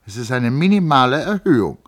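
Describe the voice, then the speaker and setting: A stubborn young engineer, voiced by a man reading a novel aloud, pedantic and faintly mocking as he argues his point. The voice sits higher and brighter than the reader's own low narration, with a husky grain underneath. It is the measured sound of a literary audiobook. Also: sing-song. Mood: insistent, mocking. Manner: precise, argumentative, slightly sluggish.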